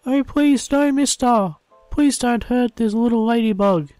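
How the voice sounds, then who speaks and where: A man voicing a frightened little girl who pleads in a high, squeaky voice. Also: unhurried, darkish tone, dry recording, soft background music. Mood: pleading.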